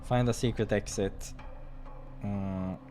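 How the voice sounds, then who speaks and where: With soft background music playing, a man with a fairly low, mellow voice reads a visual novel aloud slowly and with fairly even intonation during a gaming playthrough. Casual asides creep in, and he sometimes stumbles over lines before correcting himself.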